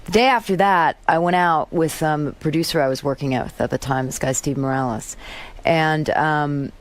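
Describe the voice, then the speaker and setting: A middle-aged woman with a deep voice speaks at a moderate pace as a songwriter guest on a radio show. She tells her stories frankly and with animation.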